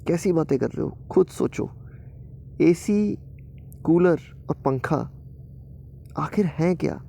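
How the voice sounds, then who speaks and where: A man as a wise, gentle light bulb. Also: a little high, expressive, takes it slowly, vocal fry, slight background noise, voice pushed up, heavily acted. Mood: reasoning. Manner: gentle, reasoning.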